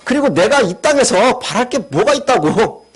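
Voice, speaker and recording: A man's voice: very high-pitched, sing-song, normal speed, husky. A male pastor preaching a sermon, telling the story with rhetorical questions.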